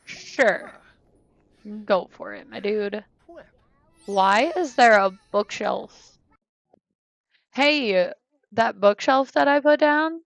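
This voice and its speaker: Fairly high-pitched and creaky, her voice moves extremely slowly with frequent pauses, and there's no room sound. The speaker, an American woman in her thirties, streams a life-sim game from home, chatting in a rambling, hesitant way full of fillers and talking to her kids between points.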